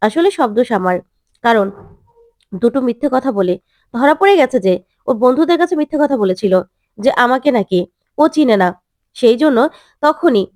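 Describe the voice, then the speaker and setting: A woman's voice: high-pitched, darkish tone, dry recording, clean studio sound. A woman voicing a teasing, self-assured young male doctor in a retold serial, rambling through his explanations.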